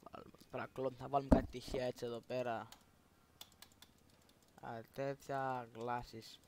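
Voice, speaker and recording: Quiet mumbling streamer from Greece. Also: male voice, mid-range voice, little pitch movement, heavy background noise. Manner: quiet, mumbled rambling while setting up. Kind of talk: casual gameplay commentary.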